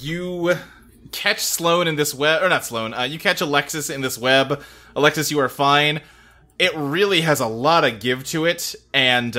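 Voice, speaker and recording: Bright-voiced man running a tabletop game. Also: on the high side. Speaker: game master. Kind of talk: improvised tabletop game narration.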